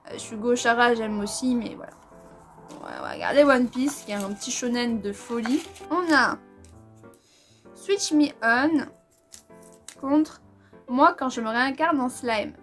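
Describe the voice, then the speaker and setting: A woman's voice: a little high, expressive, a little slow, pauses often, soft background music. A young woman from France chatting casually and enthusiastically in a manga vlog, using a lot of slang. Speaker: manga vlogger.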